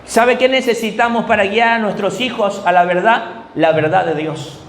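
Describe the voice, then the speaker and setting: Impassioned high-voiced Bolivian preacher. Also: male voice, normal speed, reverberant. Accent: Bolivian Spanish. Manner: impassioned, fires rhetorical questions, rising to shouts. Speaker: pastor. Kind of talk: sermon.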